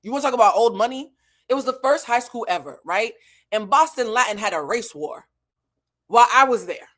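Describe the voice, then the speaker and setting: An American woman from New England, an online show host who teaches emotional intelligence, recaps a reality show to camera with strong opinions. She is blunt, heavily profane and emphatic, repeating her points for effect. Her voice is a little high, expressive, fairly quick and a bit bright.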